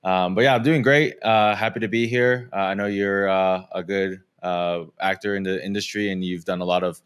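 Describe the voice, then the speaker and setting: A man's voice: sits low, fairly even intonation, normal speed, clear, resonant tone. A man guest on a casual podcast, talking hesitantly with many filler words.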